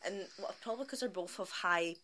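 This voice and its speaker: A woman's voice: medium pitch, a little fast, pushed and bright, slight background noise. A young Scottish woman co-hosting a podcast, chatting casually, telling stories animatedly and laughing often. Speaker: podcast co-host. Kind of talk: casual chat.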